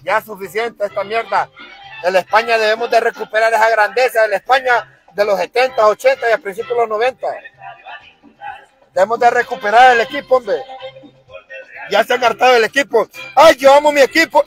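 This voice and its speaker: A man with a Honduran Spanish accent rants angrily to the camera as a football fan vlogger, worked up, crude and repeating himself. His voice is very high-pitched and the audio quality is poor.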